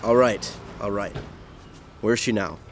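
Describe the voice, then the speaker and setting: A man's voice: lowish voice, unhurried, slight background noise, lightly acted. A man playing a tough, wary young motorbike rider in an audio drama, blunt and dry. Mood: wary, firm.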